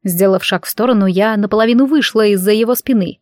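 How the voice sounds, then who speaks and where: A woman's voice: medium pitch, fast talker, darkish tone, no echo, clean studio sound. A woman narrating a novel in the first person as an audiobook reader.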